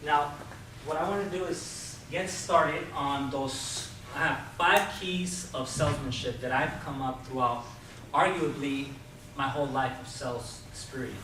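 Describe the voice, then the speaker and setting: A man's voice: mid-range voice, fairly even intonation, unhurried, hardly any pauses, sharp tone. A man giving an informal, persuasive sales presentation to a group, explaining his points directly to the listeners. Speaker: Toastmasters club speaker giving a sales talk. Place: indoor club meeting room with a live group. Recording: distant mic, very echoey room, clear noise.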